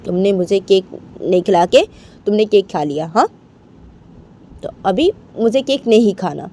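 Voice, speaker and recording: A woman's voice: fairly low pitch, steady tone, fairly quick, warm tone. A woman voicing a short-tempered young woman who refuses and snaps in a raised voice. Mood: angry. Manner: snapping, raised voice.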